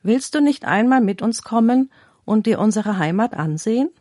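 A woman reading the lines of two young swans in a fairy tale, gentle and inviting. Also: a little high, expressive, normal speed, dry recording, clean studio sound.

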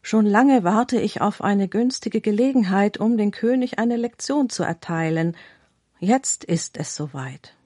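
A woman reading the lines of a wise court advisor in a parable, measured and instructive. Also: mid-range voice, expressive, a little mellow, no room sound, studio quality. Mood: musing. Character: wise calm royal advisor, future Buddha.

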